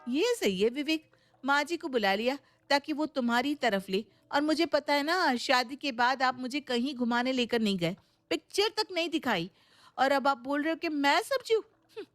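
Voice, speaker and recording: A woman's voice: sits high, animated, normal speed, a bit bright, no echo, voice pushed up. A woman doing a sarcastic young bride. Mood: defiant. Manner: sarcastic, defiant. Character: sharp-tongued, suspicious young bride.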